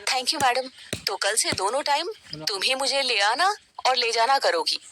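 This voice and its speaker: A woman's voice: sits high, animated, normal speed. A woman voicing a friendly working-woman customer who speaks in a chatty, pleased way, in a noisy cartoon recording.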